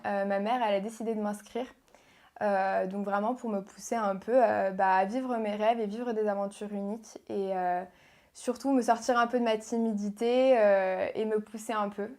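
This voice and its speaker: A woman's voice: mid-range voice, fairly even intonation, normal speed. Hesitant young woman from Portugal. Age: young adult. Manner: hesitant, many fillers, soft-spoken. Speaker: guest, beauty pageant contestant. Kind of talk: interview answers.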